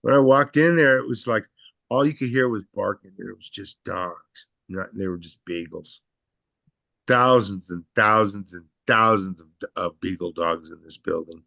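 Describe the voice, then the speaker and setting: A man who is a regular on a casual chat show, telling stories and jokes in a plain, deadpan way. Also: fairly low pitch, normal speed, gravelly, no echo. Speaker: regular guest. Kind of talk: casual storytelling.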